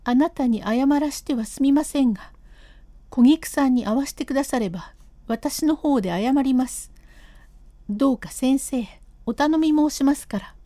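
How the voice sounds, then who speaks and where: A stubborn, proud wife played by a woman reader in a raised, insistent voice. The tone is mellow rather than bright, and the reading is close and dry, a storybook performance of a classic comic tale. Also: high voice, normal speed, dry recording, close to an everyday voice. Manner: insistent, rising and pleading.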